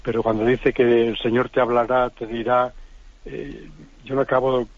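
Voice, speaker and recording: Male phone-in caller from Alicante, flat monotone delivery, hesitant, muffled line. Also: medium pitch, moderate pace. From Spain (Alicante). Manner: hesitant, searching for words. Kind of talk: phone-in question. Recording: muffled phone-in radio audio.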